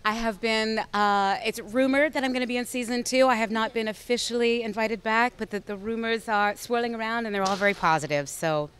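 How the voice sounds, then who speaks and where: A woman's voice: fairly high pitch, brisk, few pauses, fairly bright tone, slight background noise. A woman, an actress being interviewed, talking in a bubbly, effusive way and often restarting her sentences. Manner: bubbly, effusive, self-correcting. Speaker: actress guest. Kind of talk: casual interview chat.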